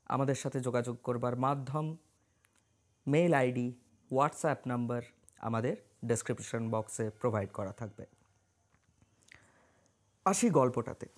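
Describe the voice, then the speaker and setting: A man from West Bengal, India, working as a paranormal investigator and astrologer, telling a true ghost story in a measured, dramatic monologue that mixes in English words. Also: mid-range voice.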